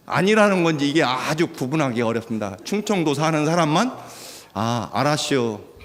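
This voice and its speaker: Korean pastor preaching in a reverberant church. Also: male voice, on the high side. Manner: dramatic swings between loud exhortation and hushed delivery. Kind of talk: sermon. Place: church sanctuary. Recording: long hall reverb.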